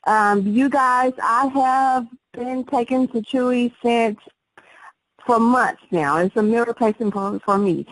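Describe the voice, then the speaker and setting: A woman hosts a call and introduces a guest, stumbling over words and restarting often. Her voice sits a little high. The recording is dry and close, with no room sound. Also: no room sound, rough recording. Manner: halting, with many "um"s and restarts.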